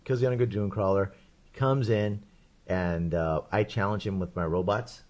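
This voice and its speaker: Low-voiced male podcast co-host, rambling animated storyteller, casual. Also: moderate pace. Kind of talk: casual chat.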